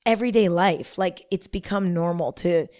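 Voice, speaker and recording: Hungover girl rambling on her podcast, kinda low voice, repeats stuff for emphasis, super dry recording. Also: normal speed, a little mellow, no echo. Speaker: podcast host. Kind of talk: casual rambling monologue.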